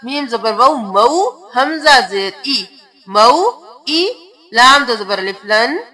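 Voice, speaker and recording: A woman's voice: on the high side, lively intonation, takes it slowly, sharp tone. A woman teaching Quran recitation, spelling out letters and vowel marks one by one and then chanting the words.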